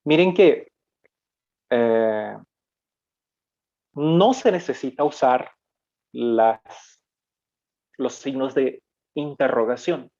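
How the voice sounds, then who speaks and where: A man from Paraguay teaching a live online language class. He talks slowly and patiently, explaining each point and stopping to correct himself. The recording sounds a bit dull and lo-fi. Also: mid-range voice, warm tone. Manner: explanatory, with frequent fillers and self-corrections. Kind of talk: live online lesson, reading comments.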